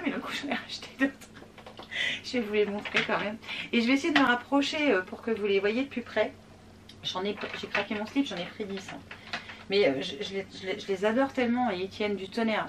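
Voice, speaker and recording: A woman's voice: medium pitch, distant mic, a little hiss or hum. A French woman chatting casually in a beauty vlog at home, rambling with fillers and laughing often. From France. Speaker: beauty vlogger. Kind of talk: casual product review vlog.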